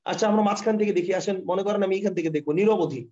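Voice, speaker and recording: A high, quick-talking man with a Bangladeshi Bengali accent teaches grammar in a live online class. He drills each rule again and again and keeps checking that students are following. His mellow voice comes through dull, lo-fi call audio. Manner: fast, repetitive, keeps asking if the concept is clear. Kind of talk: live online lesson with screen share.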